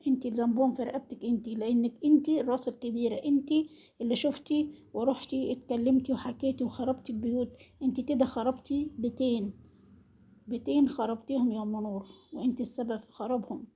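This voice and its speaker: A woman's voice: a little high, steady tone, fast, dark tone, breathy edge. A woman with an Egyptian Arabic accent who delivers a scolding monologue as a vlogger and repeats the same accusing questions again and again. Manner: reproachful, hammers the same accusing questions over and over. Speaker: vlogger commenting on an online family feud.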